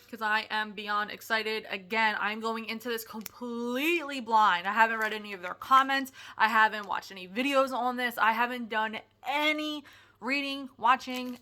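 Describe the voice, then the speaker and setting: Bright-voiced chatty young woman. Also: fairly high pitch. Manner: chatty, excitable, lots of "like" and restarts. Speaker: product reviewer. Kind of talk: casual review vlog.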